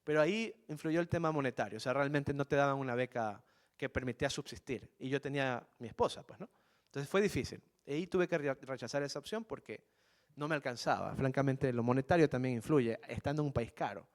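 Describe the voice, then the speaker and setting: A man's voice: medium pitch, fairly quick. A middle-aged man from Ecuador speaks to a group of students as a guest speaker, telling a personal story. He talks earnestly and plainly, repeats his key phrases for weight and keeps turning to his listeners directly.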